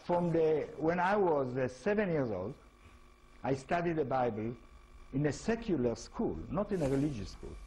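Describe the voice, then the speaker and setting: A man's voice: a little high, animated, moderate pace, a little mellow, poor audio. A man from Israel, speaking English with an Israeli accent, gives an informal lecture as an author and keeps asking his audience rhetorical questions. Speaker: author giving a talk.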